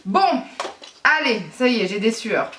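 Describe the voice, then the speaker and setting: Excitable woman vlogger in an echoey room. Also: on the high side, unhurried, far from the mic, a little hiss or hum. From France. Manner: excitable and flustered, swears, talks through each step. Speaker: beauty vlogger. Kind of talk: casual vlog talking to viewers. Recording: echoey room, speaking away from the mic.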